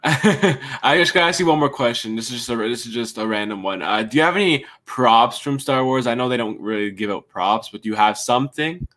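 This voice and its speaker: A man's voice: mid-range voice, fairly quick, hardly any pauses, fairly bright tone. A man hosting a casual interview, friendly and informal. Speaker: interviewer host.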